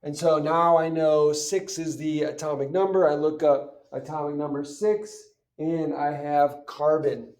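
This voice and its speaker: A man with a slightly high, darkish voice speaks at a steady, unhurried pace with hardly any pauses, sitting far from the mic. He's a chemistry teacher giving an informal, step-by-step lesson with worked examples, asking himself questions and then answering them as he goes.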